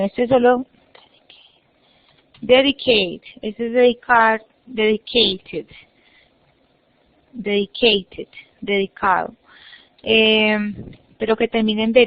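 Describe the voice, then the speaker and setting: A woman with a fairly high voice leads an online English lesson, patiently walking students through each step and repeating words. The sound is dry and muffled, like a video call. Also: fairly even intonation, a little slow, long pauses, no room sound. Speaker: English teacher. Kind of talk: online class instruction.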